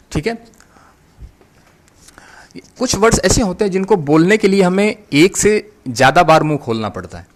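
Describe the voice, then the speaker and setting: Hindi-speaking man teaching grammar. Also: fairly high pitch. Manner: repeats each point and answers his own questions. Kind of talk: recorded online lecture.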